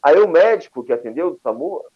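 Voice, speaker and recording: Animated Rio man telling a story. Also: on the high side, a little fast, slightly rough, muffled recording. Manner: animated, acts out quoted dialogue, many restarts. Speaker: guest telling a personal story. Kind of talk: casual storytelling.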